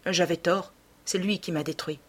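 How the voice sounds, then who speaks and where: A woman's voice: lowish voice, steady tone, normal speed, husky. A woman reading an audiobook voices a bitter, brooding young man who speaks in a subdued way.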